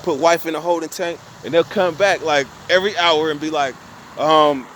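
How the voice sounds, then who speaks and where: Speaking at a moderate pace, this young man has a fairly high, somewhat bright voice with fairly even intonation. He rambles through a long story for his viewers in street slang, cussing and restarting and repeating himself often, over slight background noise.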